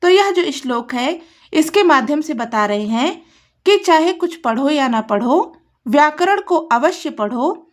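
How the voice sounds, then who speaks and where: A woman's voice: sits high, expressive, measured pace. A woman tutor explaining a textbook lesson line by line, reading each word and then glossing it.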